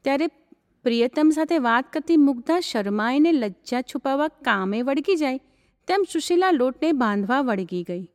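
A woman reads a story aloud in a calm, even manner. Her voice sits high. The recording has a long hall reverb around it. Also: normal speed. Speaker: narrator. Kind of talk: storybook reading.

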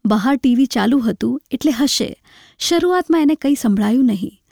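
A woman narrating a literary short story in a measured, reflective way. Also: high voice, lively intonation, gravelly, mellow, dry recording, studio quality.

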